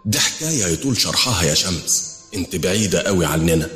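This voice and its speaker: A man's voice: low-pitched, lively intonation, fast talker, pushed and bright, echoey room, in a large hall, faint music behind. A man with an Egyptian accent voicing a scheming female jinn queen who warns of a rival. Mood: urgent. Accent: Egyptian Arabic.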